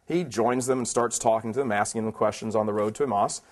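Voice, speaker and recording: A man preaching at a conference speaks quickly in a lowish, steady voice. He is emphatic and plainspoken, firing rhetorical questions at his audience.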